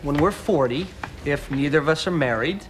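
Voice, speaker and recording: A man's voice: a little high, expressive, moderate pace, slight background noise, natural voice. An actor playing a young man who reassures and teases his friends, in a sitcom. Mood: reassuring. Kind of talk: sitcom acting.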